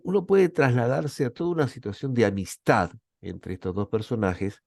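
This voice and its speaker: A man's voice: on the low side, a little mellow, no echo, clean studio sound. A man with an Argentine accent giving a reflective Bible lecture as a professor, often checking in with his listeners. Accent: Argentine Spanish.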